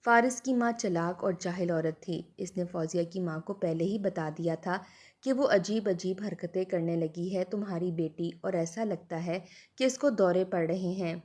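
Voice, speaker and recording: A woman narrates a sad family story in a scripted, earnest manner, leaning into the drama. Her voice is mellow and warm, without brightness. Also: lowish voice.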